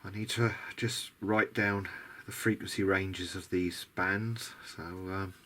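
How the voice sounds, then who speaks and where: This man speaks slowly in a low, sharp-toned voice with fairly even intonation. He offers musing, tentative, unscripted remarks while at a workbench, much like a hobbyist's video diary. Noticeable noise sits in the background.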